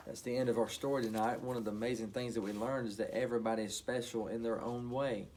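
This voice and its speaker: A man with a mid-range voice reading a bedtime story aloud. He talks to his young listeners in a gentle, affectionate way. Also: mid-range voice, steady tone, fast talker, slight background noise.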